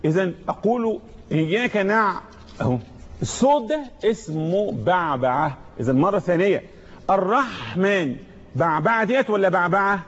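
A man with an Egyptian Arabic accent teaching Quran recitation, patiently explaining letters one by one and chanting verses slowly for students to repeat. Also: high-pitched, very animated. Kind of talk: tajweed lesson with call-and-repeat recitation. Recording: dull lo-fi recording.

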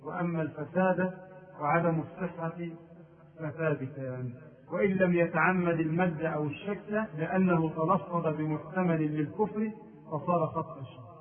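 High-voiced man teaching call-to-prayer mistakes. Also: moderate pace. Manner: demonstrates prayer-call phrases by chanting them. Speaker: religious teacher. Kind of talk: religious lesson on the call to prayer. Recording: tinny phone-like distant sound.

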